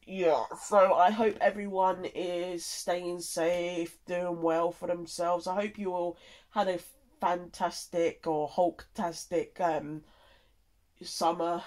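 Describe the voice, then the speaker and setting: A content creator giving a casual, halting and rambling update, sounding tired and nasally congested from a cold. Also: mid-range voice.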